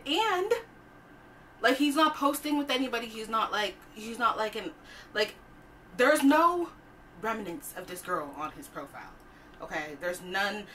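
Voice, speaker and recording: A young woman telling a personal story to camera in a lively, conversational, profane way. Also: mid-range voice, far from the mic, slight background noise. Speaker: vlogger. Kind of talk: storytime vlog.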